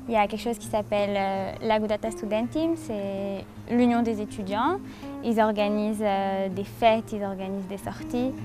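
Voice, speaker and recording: A woman in her twenties from Paris, a university student giving an earnest testimonial in a halting way, with many pauses and fillers. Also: mid-range voice. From France, Paris. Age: 20s. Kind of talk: testimonial interview. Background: plucked guitar music.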